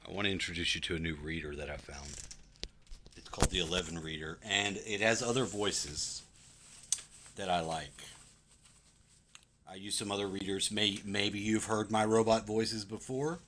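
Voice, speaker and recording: A man with a low voice talking casually to his viewers in a loose, meandering way, often stopping and starting over. A faint hiss of noise runs underneath him. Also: normal speed, long pauses, a bit bright. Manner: rambling, hesitant, with restarts. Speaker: vlogger. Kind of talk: casual rambling monologue.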